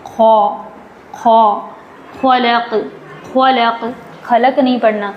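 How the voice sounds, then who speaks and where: A woman teaches Quran recitation in a live online class, and her voice sits on the higher side. She draws each recited word out slowly, then speeds up to explain it, often asking a question and answering it herself. A faint background hiss runs under the whole recording. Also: fairly even intonation, highs cut off. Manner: slow drawn-out recitation with quick explanations between. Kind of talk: live online tajweed lesson.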